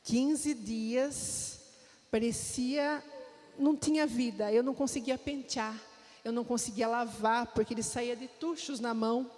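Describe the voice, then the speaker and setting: A woman's voice: a little high, steady tone, a little slow, a little mellow. A woman with a Brazilian Portuguese accent giving a heartfelt personal testimony to a church congregation, often speaking straight to her listeners. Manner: heartfelt, storytelling, often addresses the listeners directly. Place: church hall. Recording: long reverb of a church hall.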